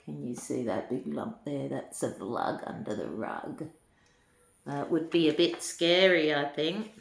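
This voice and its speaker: A deep, gravelly voice belongs to a grandmother reading a rhyming storybook for children, recorded in an echoey room. Her pace is an unhurried lilt, and she talks to her young listeners in asides.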